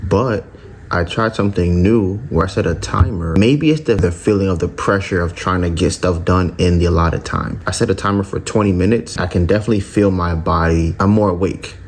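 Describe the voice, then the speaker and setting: A man's voice: sits low, a little fast, slight background noise. A man running a small candle business, chatting casually to viewers in a vlog and talking to them directly. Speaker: candle business owner vlogger. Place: car and storage unit.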